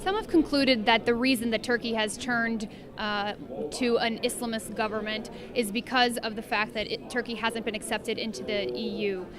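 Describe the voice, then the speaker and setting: A woman asking measured, formal interview questions. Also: fairly high pitch, steady tone. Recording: busy crowd noise behind voice.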